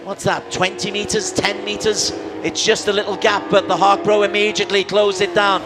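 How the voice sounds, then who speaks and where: A man's voice: high voice, flat delivery, moderate pace, music in the background. A man working as a motorsport commentator, calling a live motorcycle race with dramatic play-by-play.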